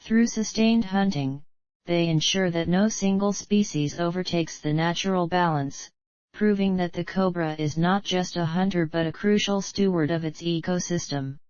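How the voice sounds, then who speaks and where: A woman reads scripted nature documentary narration in a formal, measured manner. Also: lowish voice, darkish tone, no echo, highs cut off. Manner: formal, measured read-out delivery.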